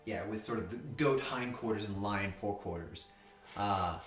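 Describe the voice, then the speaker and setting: A man's voice: on the low side, moderate pace, a bit bright, reverberant, faint music behind. A man narrating a tabletop game as game master, rambling and full of fillers.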